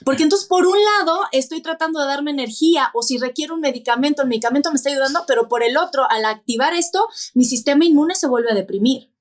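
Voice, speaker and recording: A woman's voice: sits high, fast. A woman, a podcast guest who explains things step by step and poses rhetorical questions. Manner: didactic, lists points and asks rhetorical questions. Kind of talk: explanatory interview talk.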